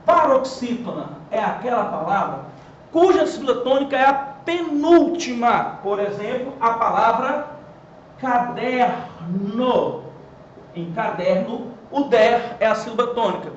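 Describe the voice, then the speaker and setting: Brazilian man, very high voice, teaching at a board, echoey room, dull sound. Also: normal speed, a little hiss or hum. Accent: Brazilian Portuguese. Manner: animated, asks himself questions and answers them, stresses words. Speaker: Portuguese teacher. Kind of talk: lively classroom lesson at a whiteboard.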